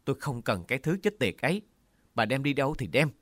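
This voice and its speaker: A sick, proud older uncle, played by the male narrator, his voice rising sharp and hissing with rage. Under the anger it stays a low male voice. It is a storybook reading heard close up in a dry space. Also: sing-song, a little fast, no room sound. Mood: furious. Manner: hissing, angry outbursts.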